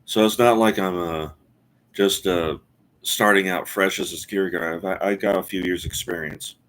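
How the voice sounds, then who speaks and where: A man in his forties chatting casually on a live stream, rambling and halting with many fillers and restarts. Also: low-pitched, steady tone, a bit bright. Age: 40s. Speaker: streamer host.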